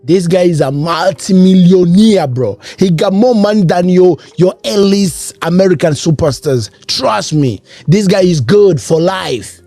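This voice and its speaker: A man's voice: sits high, a little slow, few pauses, warm tone, dry recording, soft background music. A man hosting a podcast, reacting to an interview in an emphatic, repetitive, casual way. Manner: emphatic, repetitive, keeps saying bro. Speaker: podcast host.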